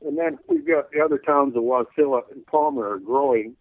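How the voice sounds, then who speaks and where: A man calling in as a radio guest, rambling folksily with lots of "you know," clearing his throat as his voice wears out. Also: medium pitch, wildly swooping pitch, brisk, no echo. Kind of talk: casual call-in radio interview. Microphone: telephone. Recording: tinny phone line.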